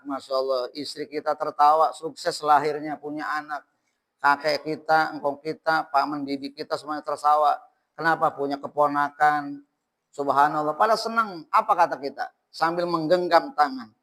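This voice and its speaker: A man's voice: a little high, sharp tone, low-quality recording. A man giving an informal sermon, chatty and quizzing his listeners. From Indonesia. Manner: chatty, keeps asking the audience questions. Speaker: preacher.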